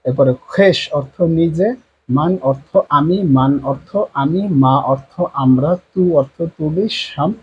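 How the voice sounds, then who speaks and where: A man teaching a language lesson at a board, repeating each word slowly and often, with many drawn-out fillers and a Bangladeshi Bengali accent. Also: on the high side, dull audio, a little hiss or hum.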